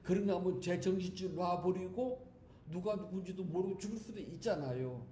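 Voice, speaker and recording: Monk preaching with a mellow voice in an echoey hall. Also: male voice, high-pitched, moderate pace. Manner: chatty and humorous, speaking to listeners directly. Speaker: Buddhist monk giving a dharma talk. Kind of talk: conversational sermon. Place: temple hall. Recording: echoey hall with faint background noise.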